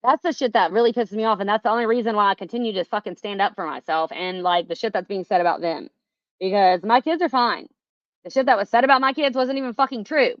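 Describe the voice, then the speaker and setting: A woman's voice: medium pitch, quick pace, dry recording, muffled recording. Frustrated woman venting with lots of swearing. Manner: frustrated, swears a lot, rambling with many fillers. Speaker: vlogger speaking to her viewers. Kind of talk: casual venting to viewers.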